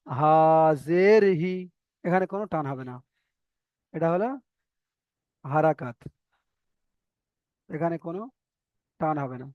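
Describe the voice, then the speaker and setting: A male teacher, giving a step-by-step recitation lesson, spelling out letters slowly and repeating syllables. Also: fairly high pitch, dry recording, highs cut off. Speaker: Quran reading teacher.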